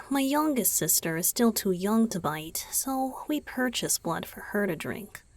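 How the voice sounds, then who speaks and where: In an ASMR roleplay, a woman voices a gentle, caring young male vampire boyfriend. She speaks softly, often in a whisper, with murmured hums, in a mid-range voice with no echo.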